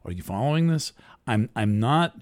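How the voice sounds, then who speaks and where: A man hosting a show, talking through a monologue in a deliberately soft, earnest way. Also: medium pitch, lively intonation. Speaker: host. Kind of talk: monologue commentary.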